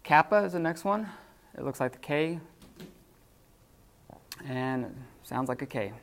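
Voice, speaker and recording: A man teaching a classroom lesson off the cuff, halting with many fillers and restarts. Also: mid-range voice, expressive, gravelly. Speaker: Greek teacher.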